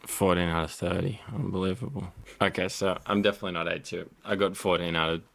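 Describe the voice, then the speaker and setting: A man's voice: low-pitched, fairly even intonation, fast, creaky, a bit bright, soft background music. A man working through language lessons, sounding out phrases and repeating the hard ones. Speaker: language learner. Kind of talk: practicing phrases aloud.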